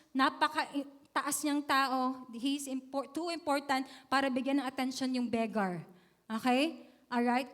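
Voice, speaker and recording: A woman with a Filipino accent preaching a sermon to a congregation, mixing Tagalog and English and often checking in with "okay?" and "amen?". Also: high-pitched.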